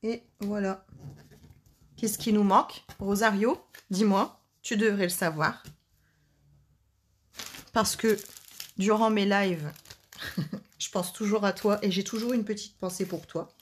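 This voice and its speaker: A woman's voice: mid-range voice, fairly even intonation, takes it slowly, pauses often, a little hiss or hum. A woman hosting a casual live card-making demonstration, chatting and joking with her viewers as she works.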